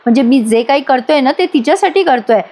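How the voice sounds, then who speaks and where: A woman voicing a calm, reassuring fatherly male doctor in a story recap. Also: high voice, fast talker. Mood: earnest.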